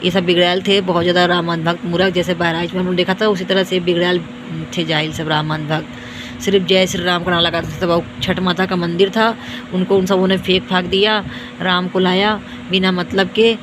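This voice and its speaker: A tired young woman from India, a vlogger, films herself ranting to viewers in a hoarse, worn-out voice, repeating herself and scolding while boasting. Her lowish voice moves fairly quickly with a flat delivery and little rise or fall. Traffic noise is clearly audible behind her.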